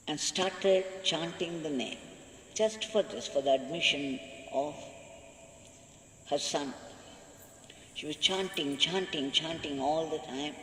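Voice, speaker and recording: A man's voice: on the high side, fairly bright tone, slight background noise. Earnest man telling a devotional story. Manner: earnest, emphatic retelling with rising intensity. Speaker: spiritual speaker. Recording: echoey hall with long reverb.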